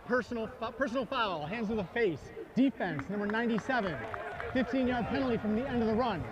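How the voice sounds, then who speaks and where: A man's voice: extremely high pitch, quick pace, lo-fi sound, noisy background. A man giving a referee penalty announcement in clipped, formal official phrasing, over an outdoor stadium microphone. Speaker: football referee.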